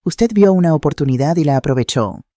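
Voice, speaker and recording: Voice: mid-range voice, expressive, a little fast, dark tone, dry recording, studio quality, lightly acted. A storyteller voicing a scheming young woman who speaks with thinly veiled venom. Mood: sneering. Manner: mocking, accusing.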